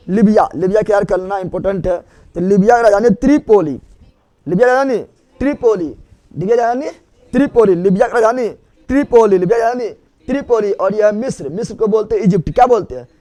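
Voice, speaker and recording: A man's voice: high-pitched, darkish tone. A man teaching a geography lesson, who asks a question and answers it himself, repeating each fact many times over.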